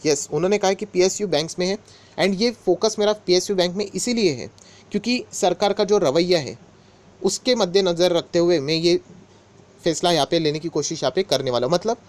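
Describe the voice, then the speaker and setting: A man's voice: sits high, a little fast. A man explaining stock market news to his viewers in a casual, conversational way. He talks to them directly as friends and keeps repeating the same filler phrases. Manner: conversational, mixes English words into Hindi, repeats filler phrases.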